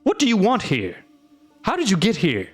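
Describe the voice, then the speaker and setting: A huge bear-headed monster roars and blusters indignantly, as a man puts him on. His voice sits far above the narrator's own, loud and strained. Soft music plays faintly underneath. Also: sits high, huge pitch swings, normal speed, slightly rough, voice pushed up, heavily acted. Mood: blustering grumble. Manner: roaring, bluster turning to grumbling.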